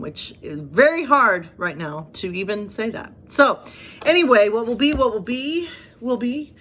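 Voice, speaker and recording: A woman's voice: fairly high pitch, fairly bright tone. Chatty self-deprecating woman pastor in her thirties. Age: 30s. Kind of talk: casual devotional video talk and reading aloud.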